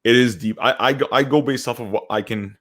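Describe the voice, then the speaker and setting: A man in his twenties with roots in Syria and Canada co-hosts a podcast, chatting casually and hesitantly in a live discussion. He talks fast at a medium pitch, his voice a bit bright, and often repeats words as he goes.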